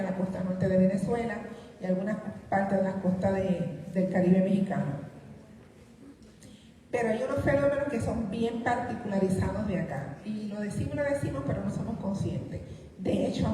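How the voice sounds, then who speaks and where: A woman's voice: mid-range voice, warm tone, slight background noise. A middle-aged woman giving a university lecture on linguistics, explaining points and answering her own rhetorical questions. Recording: echoey hall, distant mic, faint room ambience.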